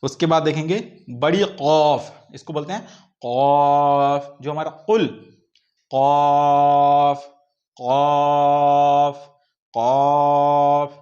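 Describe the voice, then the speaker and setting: A male Quran recitation teacher gives a slow pronunciation lesson, patiently repeating each letter sound many times and drawing it out. His voice is a little high with a darkish tone, and he takes his time. The audio is lo-fi.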